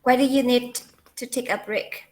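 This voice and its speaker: A woman acting as practice examiner, briskly reading out interview questions with short acknowledgements. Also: on the high side, fairly even intonation, darkish tone.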